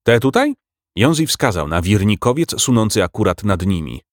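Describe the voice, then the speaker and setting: Male audiobook narrator, low voice, lively intonation, dry close sound, expressive storytelling. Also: moderate pace, no echo. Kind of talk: scripted narration.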